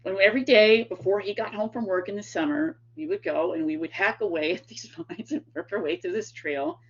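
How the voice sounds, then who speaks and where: Mid-range and husky, a little fast with lively intonation, this woman speaks with an East Tennessee accent, where she's from. She's a guest lecturer and author giving a storytelling lecture of rambling, chatty anecdotes with many fillers and laughs, recorded in dull lo-fi sound.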